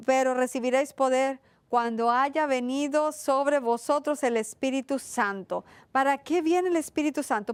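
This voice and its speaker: A woman's voice: sits high, no echo. A woman preaching a sermon in an earnest, repetitive way, asking questions and answering them herself.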